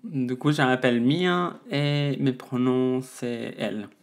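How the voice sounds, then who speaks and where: A woman, a musician answering interview questions in a halting way, searching for her words. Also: extremely low pitch. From Mexico. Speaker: guest, musician.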